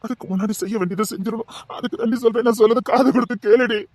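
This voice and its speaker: A man's voice: very high-pitched, steady tone, racing, darkish tone, dry recording. A man voicing a guilt-ridden young man who earnestly urges his beloved to hear his confession, in an audio drama. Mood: urging. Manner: earnest, urging, addresses her intimately.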